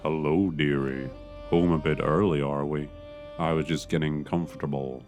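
A man's voice: extremely low pitch, steady tone, normal speed, a little mellow, soft background music. A man playing a sultry, sneaky female knife-wielding intruder in a comedy audio drama, purring and teasing.

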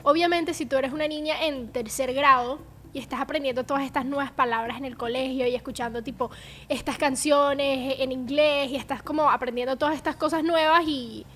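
A woman's voice: high-pitched, steady tone, brisk, fairly bright tone. A young Venezuelan woman in casual family chat, long-winded and insistent. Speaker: daughter and co-host.

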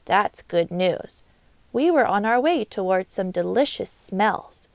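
A woman voicing a strong, busy female worker ant in a storybook, brisk and matter-of-fact. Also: medium pitch, lively intonation, creaky, no echo. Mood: chatty.

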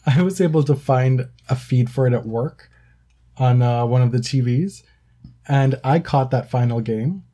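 A man's voice: medium pitch, a little slow, warm tone, husky. A man co-hosting a casual podcast, earnest at times but with wry, teasing asides. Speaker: podcast co-host. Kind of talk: casual chat.

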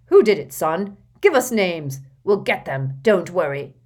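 A woman voicing a blustering, bad-tempered middle-aged uncle who talks loud and gruff. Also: on the low side, sing-song, measured pace.

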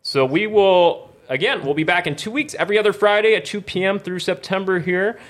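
A man's voice: high-pitched, brisk, a bit bright. A man hosting a casual chat show, rambling with lots of fillers as he wraps up the episode. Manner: rambling, filler-heavy wrap-up talk. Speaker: host.

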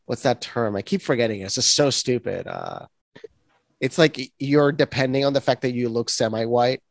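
A man from Puerto Rico co-hosting a podcast in casual chat, animated and acting out reactions. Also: normal speed, creaky, dry recording, clean studio sound. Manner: animated, acts out reactions in shrill voices. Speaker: podcast co-host.

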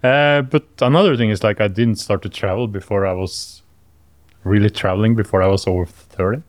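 A Norwegian man co-hosting a podcast, speaking English hesitantly with many pauses and fillers. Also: on the low side, no echo, clean studio sound. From Norway. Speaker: podcast co-host. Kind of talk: casual podcast chat.

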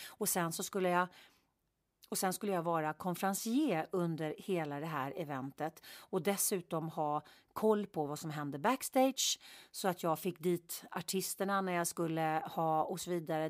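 A woman's voice: on the low side, no echo, studio quality. A woman telling a personal story in a vivid, emphatic way, repeating words for effect and correcting herself as she goes. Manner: vivid, emphatic retelling with repetitions and self-corrections.

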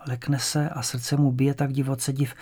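A man reading a story aloud as an audiobook narrator, in a calm storytelling manner. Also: medium pitch, husky. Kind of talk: scripted narration.

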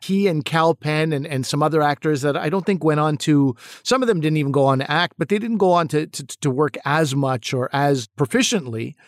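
A male actor and comedian answers interview questions in a reflective way. His voice sits a bit high, and he often stumbles and repeats words as he thinks aloud. The sound is close and dry. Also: a little fast, few pauses, no echo.

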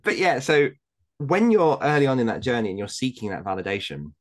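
A man's voice: mid-range voice, big pitch swings, a little fast. A man co-hosting a podcast in casual, informal chat, often repeating words for emphasis. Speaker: podcast co-host.

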